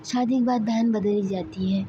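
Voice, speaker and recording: A woman's voice: mid-range voice, fairly even intonation, normal speed, dark tone, a little hiss or hum, lightly acted. Woman voicing a bossy teasing elder sister. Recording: slightly dull lo-fi recording.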